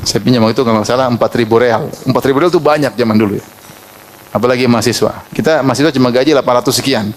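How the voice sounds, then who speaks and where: A man preaching an Islamic sermon, telling lively personal anecdotes, chuckling often and reciting Arabic verses. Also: mid-range voice, racing.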